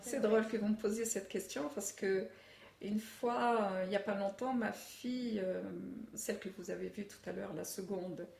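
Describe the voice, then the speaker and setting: Gravelly middle-aged woman, off-mic and echoey. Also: mid-range voice, steady tone, darkish tone, recorded from a distance. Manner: measured, thoughtful, with fillers. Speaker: interviewee, immigrant mother. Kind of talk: reflective interview answers. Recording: echoey room, speaker off-mic.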